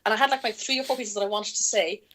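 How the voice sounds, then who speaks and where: A woman with an Irish accent, a guest in an interview, telling stories in a lively way and laughing often as she talks. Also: mid-range voice, very fast, a little hiss or hum. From Ireland. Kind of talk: casual storytelling in an interview.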